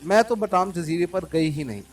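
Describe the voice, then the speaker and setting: A man's voice: sits high, normal speed, lightly acted. A man reading an audiobook, raising his voice to play a defiant young woman who leads a spy gang, from a distant mic over faint music. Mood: sulky. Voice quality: pleading, then sulky and sharp.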